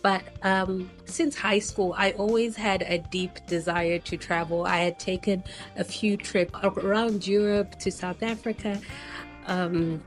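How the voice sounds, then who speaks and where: A woman's voice: medium pitch, fairly even intonation, unhurried, soft background music. A woman from Zimbabwe, around her thirties, chatting casually to camera as a travel vlogger, meandering with frequent ums. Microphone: new personal microphone set.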